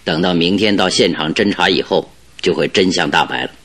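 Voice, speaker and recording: An actor playing Sherlock Holmes as a composed, analytical detective in a radio drama, speaking deliberately and with authority. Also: male voice, low voice, a bit bright. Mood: thoughtful, assured. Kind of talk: Mandarin radio drama acting.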